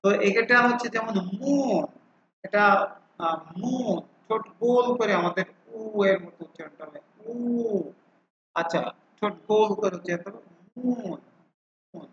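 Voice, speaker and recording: A man's voice: high-pitched, moderate pace, a bit bright. Guy teaching vowel sounds, says them again and again, kinda muffled lo-fi recording. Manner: drills each vowel sound by repeating it several times; mixes English terms into explanations. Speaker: phonics teacher. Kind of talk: explaining a lesson. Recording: echoey room, dull lo-fi sound.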